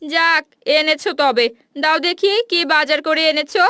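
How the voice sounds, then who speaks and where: A woman's voice: high-pitched, fairly even intonation, bright, forceful tone, dry recording, studio quality. A woman voicing a busy, caring village mother in a cartoon. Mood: brisk. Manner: brisk, motherly.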